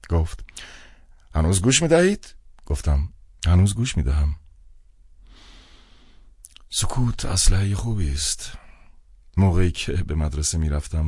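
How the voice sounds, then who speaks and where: A man narrating a literary novel as an audiobook, telling it in the first person in a measured, wry way. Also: very deep voice, dark tone, slightly rough, no room sound, clean studio sound.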